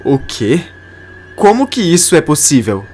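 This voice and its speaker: A man's voice: mid-range voice, normal speed, faint music behind, close to an everyday voice. A man voicing a grieving, determined young daughter in a narrated soap opera summary.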